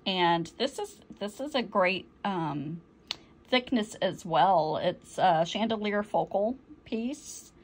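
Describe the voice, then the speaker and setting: A woman's voice: mid-range voice, animated, slow pace, breathy edge. A woman chatting through an unboxing, easily delighted and often apologizing for slips. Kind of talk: casual unboxing chat.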